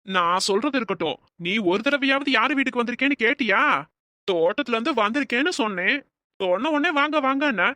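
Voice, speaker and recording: Woman doing a stubborn cartoon village gardener, bright-toned and blunt, talking back gruffly, dry sound. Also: fairly high pitch, expressive, a little fast, no echo. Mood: cranky. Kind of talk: cartoon voice acting.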